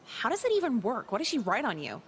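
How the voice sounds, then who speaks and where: An actress voicing an apathetic, sarcastic teenage girl in a video game, deadpan and crude. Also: fairly high pitch, fast talker.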